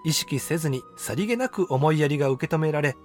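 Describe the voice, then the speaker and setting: A man in his sixties calmly reading his own personal essay aloud in a measured, reflective way. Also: a little high. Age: 60s. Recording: dry close voice with faint background music.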